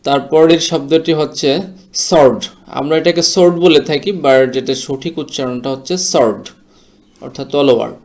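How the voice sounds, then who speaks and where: A man teaching English word pronunciation in a slow, explanatory way, mixing English words into his talk. English is not his first language; his first language is Bengali. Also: mid-range voice, fairly even intonation, darkish tone. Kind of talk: explanatory lesson.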